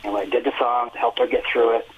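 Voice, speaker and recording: This fifty-something singer and music teacher speaks quickly in a mid-range voice with fairly even intonation and a breathy edge. He's giving a relaxed phone interview, telling long, earnest stories with plenty of fillers, and the telephone audio is tinny.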